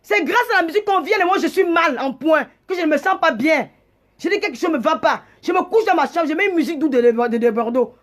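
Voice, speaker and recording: A woman's voice: high voice, lively intonation, quick pace. A woman, hosting a livestream and delivering an indignant, scolding rant. She stumbles over repeated words as she talks. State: agitated. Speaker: livestream host. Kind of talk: heated live rant.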